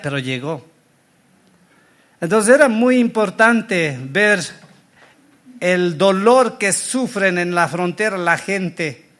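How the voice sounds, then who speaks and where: Male pastor, fairly high voice, earnest sermon storyteller. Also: a bit bright. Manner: earnest storytelling preacher with frequent self-corrections.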